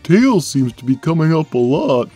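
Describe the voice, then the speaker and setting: A woman voicing a big, gentle, simple-minded male cartoon cat with a placid, deadpan manner. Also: low-pitched, husky, faint music behind, heavily acted. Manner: placid, deadpan, plain and slow. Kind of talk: animated character Q&A, fan dub.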